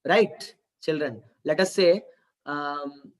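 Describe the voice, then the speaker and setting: A man's voice: on the high side, slow pace, distant mic. A man with an Indian English accent teaching a Gita class to children online, explaining patiently and having them repeat verses.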